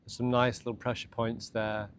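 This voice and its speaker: A man with a mid-range voice guides a morning meditation and self-massage, speaking in short, gentle, unhurried phrases that soothe. Steady ambient noise sits clearly in the background.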